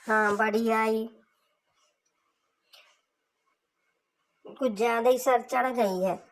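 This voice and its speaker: A spiteful young sister-in-law picks at everything in a slow, deliberate drawl, as a woman acts her out. Her voice sits a little high and stays scornful. It is a homemade family drama skit. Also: fairly even intonation, natural voice. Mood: taunting. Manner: scornful, fault-finding.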